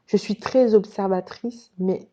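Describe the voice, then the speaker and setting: A woman's voice: medium pitch, steady tone, a little slow, dark tone, highs cut off. A woman casually telling a personal story to her viewers, chatty and direct. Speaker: vlogger recounting her past.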